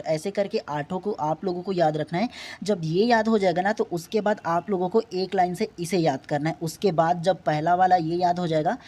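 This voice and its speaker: A man teaching an exam-prep lesson. He explains patiently, repeats points, and sounds out each vowel slowly. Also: high-pitched, mellow. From Chhattisgarh, India.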